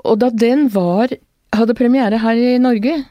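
An older woman, an author being interviewed, telling her family's story in an earnest, halting way with many restarts. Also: on the high side, no echo, dull audio. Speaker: author guest. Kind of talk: reflective interview talk.

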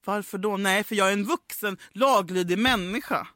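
A woman's voice: medium pitch, pushed and bright, no room sound, studio quality. A young woman co-hosting a podcast, ranting with mock outrage in casual chat. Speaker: podcast co-host.

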